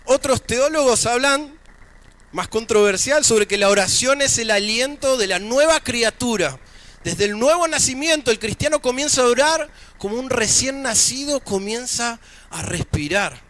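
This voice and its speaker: A man with an Argentine accent preaches a church sermon in a very high voice. His tone is bright and forceful, and his delivery is chatty, with light joking asides between readings from scripture. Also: animated, moderate pace. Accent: Argentine Spanish. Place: church service.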